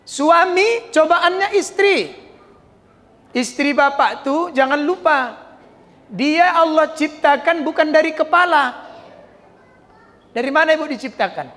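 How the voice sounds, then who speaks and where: A man with a Medan accent preaches a joking sermon, telling lively stories and slipping into characters. His voice sits high for a man. It rings with the long reverb of a large mosque hall. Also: measured pace, long pauses. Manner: joking, animated storytelling, acts out characters. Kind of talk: humorous sermon.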